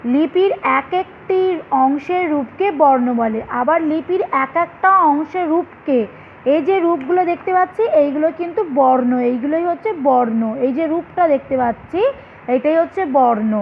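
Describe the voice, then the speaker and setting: A woman with a Bengali accent teaches a primary school class in a high voice. She explains patiently and turns each point into a question for her students. The recording is dull and lo-fi, with a faint hiss behind her. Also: normal speed. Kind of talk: online class lesson.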